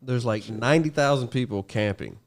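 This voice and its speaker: Brief: man, mid-pitched, loose and profane podcast storyteller. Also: normal speed. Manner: animated, swearing, laughing storyteller. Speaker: podcast guest.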